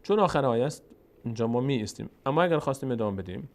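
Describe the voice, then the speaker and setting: Male Quran reading teacher, methodical, mid pitch, drawls syllables as examples. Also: animated. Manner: methodical, spells out and slowly drawls syllables to model them. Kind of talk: step-by-step Quran reading lesson.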